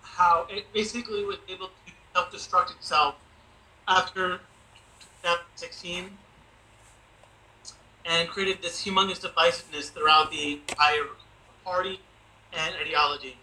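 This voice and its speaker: Give me a man on a remote video call, his voice coming through glitchy and warbling, speaking haltingly with many fillers. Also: high-pitched, steady tone, bright, forceful tone, low-quality recording. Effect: glitchy, warbling video-call audio. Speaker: livestream guest. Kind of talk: casual political talk.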